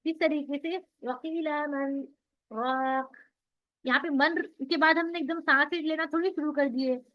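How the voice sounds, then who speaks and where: A woman's voice: high-pitched, fairly even intonation, fairly quick. A woman teaching Quran recitation rules in an online class, who explains patiently and asks and answers her own questions. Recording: dull lo-fi audio.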